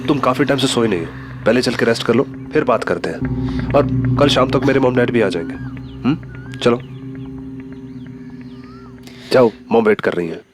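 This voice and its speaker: Actor playing a soothing young fiancé. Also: male voice, medium pitch, moderate pace, background noise, natural voice. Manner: soothing, dismissive, steady. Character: calm, reassuring young fiancé, doubtful and practical. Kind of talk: broadcast horror TV drama.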